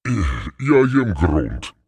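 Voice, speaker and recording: A man voicing a tall, clumsy, eager male skeleton who speaks in drawn-out, strange croaking utterances in an audiobook. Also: fairly low pitch, big pitch swings, no echo, heavily acted. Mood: wailing. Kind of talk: audiobook character voice.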